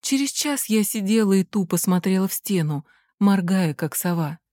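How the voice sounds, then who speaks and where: A woman narrating a story in the first person in a measured, unhurried reading. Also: medium pitch, lively intonation, dark tone, no echo, clean studio sound. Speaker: audiobook narrator.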